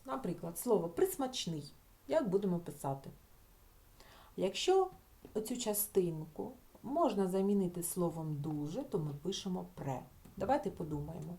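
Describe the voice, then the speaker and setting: Lively low-voiced woman teacher. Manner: patient, slows to sound out example words. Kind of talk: grammar lesson explanation.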